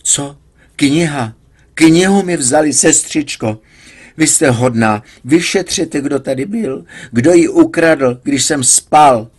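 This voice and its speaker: A man's voice: medium pitch, very animated, few pauses, slightly rough, voice pushed up. A man voicing an agitated male patient who pleads and complains indignantly. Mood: frantic, indignant. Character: agitated male patient engineer, frantic and whiny.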